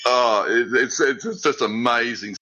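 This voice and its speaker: A man's voice: medium pitch, a little slow, bright, forceful tone. An Australian man from Western Australia chatting casually, rambling, chuckling and calling people mate. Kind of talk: casual podcast chat.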